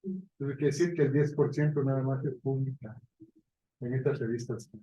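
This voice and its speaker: Guy lecturing a class, mellow low-key voice, roomy echo. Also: moderate pace, highs cut off. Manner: conversational, asks "¿verdad?" often. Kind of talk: university lecture.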